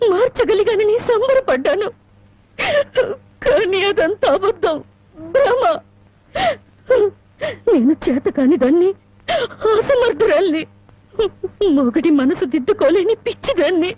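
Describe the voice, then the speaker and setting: A woman's voice: very high voice, a little mellow, no room sound, full character voice. An actress playing a wronged young wife who reproaches her gambling husband with sarcasm, in a film drama. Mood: despairing. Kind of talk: Telugu film drama acting. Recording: film soundtrack with music behind.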